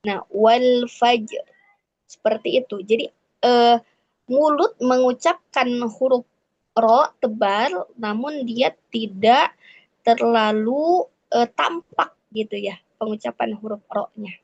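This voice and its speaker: A woman teaching recitation rules speaks slowly, in a voice a little higher than most. She explains patiently, filling pauses with small hesitations and sounding out each example with care. The recording is dull and lo-fi, with no room sound. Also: vocal fry, a little mellow, no room sound. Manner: patient, explains step by step with frequent "nah" and "eh". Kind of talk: online tajwid lesson.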